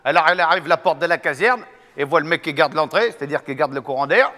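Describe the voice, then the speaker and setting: A male comedian tells a joke in a lively storytelling manner. His voice is high and bright. A long reverb hangs behind him. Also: fast talker. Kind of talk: joke telling.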